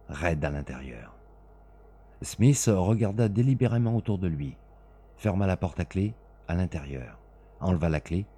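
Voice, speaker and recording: A man narrating a story as an audiobook, in a measured, dramatic manner. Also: low voice, mellow, slightly rough.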